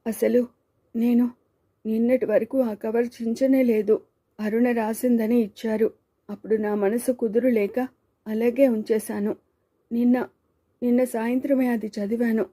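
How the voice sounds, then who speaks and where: A woman voicing a tearful young wife who speaks in a hurried, sobbing way. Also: fairly high pitch, level tone, warm tone.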